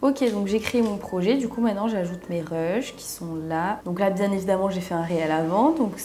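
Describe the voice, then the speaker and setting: A woman's voice: medium pitch, brisk, warm tone, a little hiss or hum. A young woman teaching video editing in a chatty, slangy, self-mocking way, working at her computer at home. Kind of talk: casual tutorial.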